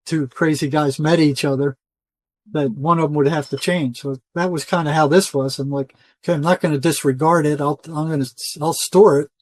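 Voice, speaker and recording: A retired psychotherapist, an older man with a higher-pitched voice, tells rambling stories as a guest in a casual interview, speaking colloquially and acting out quoted dialogue. The recording is dry.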